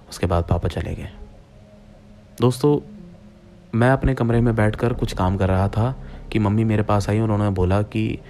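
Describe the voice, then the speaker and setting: A man's voice: deep voice, dark tone, slight background noise. A young man narrating a true-style horror story in the first person, speaking directly to his listeners as friends in a plain retelling voice.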